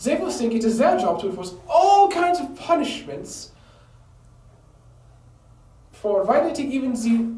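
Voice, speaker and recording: Woman playing a theatrical, gloating villain professor, swooping pitch. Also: darkish tone. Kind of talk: theatrical comedy drama monologue. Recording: echoey room, distant mic.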